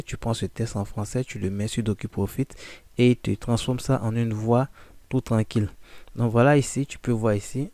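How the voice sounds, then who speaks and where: A man giving a casual, informal software walkthrough, addressing the listener directly with frequent fillers. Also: medium pitch, no echo. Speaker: software tutorial presenter. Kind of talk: casual screen-recording walkthrough.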